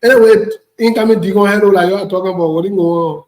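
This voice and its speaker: A man from Ivory Coast, an online political commentator with a West African accent, fires off a blunt, indignant, unscripted rant, repeating phrases for emphasis. His voice sits high and he talks fast. The room is echoey.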